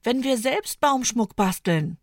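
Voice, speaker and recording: Woman voicing a resourceful young girl, lively and confident, storybook. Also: a little high, takes it slowly, no echo, clean studio sound, voice pushed up.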